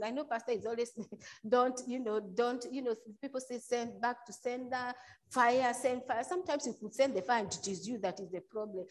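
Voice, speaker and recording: A woman's voice: fairly high pitch, rough recording. Conversational woman preaching a sermon. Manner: conversational, loose preaching with frequent "you know" and restarts.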